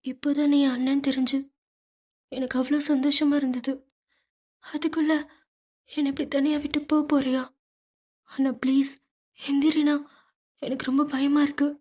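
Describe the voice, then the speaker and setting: A woman's voice: high voice, level tone, slow, pauses often, darkish tone, husky, voice pushed up, full character voice. A woman voicing a terrified young woman in an audiobook, tearful and pleading. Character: young woman, terrified sister begging thugs.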